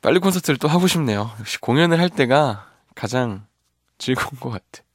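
A man with a mid-range voice speaks a little fast, with no echo, while hosting a live studio radio show. A ballad singer by trade, he fills the gaps between listener messages with relaxed, chatty, self-deprecating talk over faint guitar.

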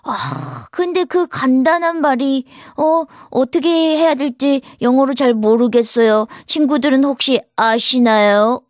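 A woman's voice: high voice, unhurried, few pauses, no echo, clean studio sound. A woman voicing a cheerful, curious schoolkid who chats with listeners and tells a story, asking them questions.

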